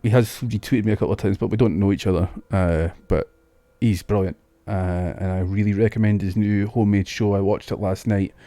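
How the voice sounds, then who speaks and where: A man's voice: fairly low pitch, fairly even intonation, fairly quick, few pauses, dark tone, no room sound. A Scottish man streaming a video game, chatting casually and musing aloud about what he sees. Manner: chatty, muses aloud, restarts words. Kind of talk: casual gameplay commentary. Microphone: new studio mic.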